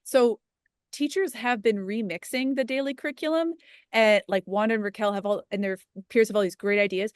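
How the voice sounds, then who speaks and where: A woman's voice: mid-range voice, a little fast, clear, resonant tone, dry recording, studio quality. A woman leading an education program, explaining it in long, eager runs during a panel discussion over a video call.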